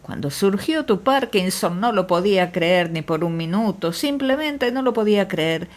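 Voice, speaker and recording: Mujer haciendo de médico jovial y efusivo. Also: female voice, medium pitch, lively intonation, normal speed, natural voice. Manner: effusive, exclamatory. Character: jovial exuberant male country doctor.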